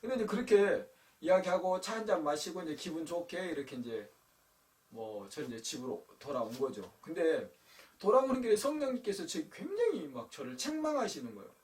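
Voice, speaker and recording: A male pastor gives a youth sermon in a casual, storytelling manner, speaking straight to the teenagers. His voice sits slightly high and swings widely in pitch. He sounds set back from the microphone in the church. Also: very animated, brisk, darkish tone, recorded from a distance. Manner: conversational storytelling, addresses youth directly. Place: church sanctuary.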